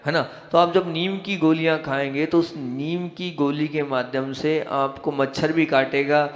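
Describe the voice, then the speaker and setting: A man's voice: fairly high pitch, fairly even intonation. A man giving a devotional talk on seasonal diet, rattling off foods and stressing warnings to his listeners. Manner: rapid list-giving, emphatic warnings. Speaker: spiritual lecturer. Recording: echoey hall recording.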